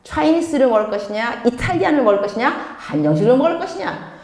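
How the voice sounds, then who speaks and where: A middle-aged woman pastor giving a lively sermon, telling stories with acted-out dialogue. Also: a little high, fast talker. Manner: animated storytelling with acted quotes and laughter. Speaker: pastor and missionary. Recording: echoey hall.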